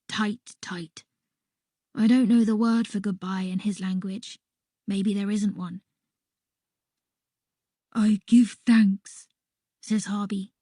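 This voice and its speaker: Slow, soft-spoken woman reading a story. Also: medium pitch, no room sound, clean studio sound. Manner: soft, unhurried reading, drops to whispers. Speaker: audiobook reader. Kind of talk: first-person story narration.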